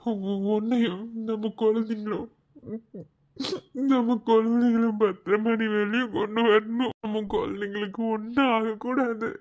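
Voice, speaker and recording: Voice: mid-range voice, fairly even intonation, measured pace, close to an everyday voice. Voice actor doing a scared cartoon husband, anxious, pleading, tearful, dull lo-fi sound. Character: frightened loving young husband. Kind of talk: cartoon voice acting.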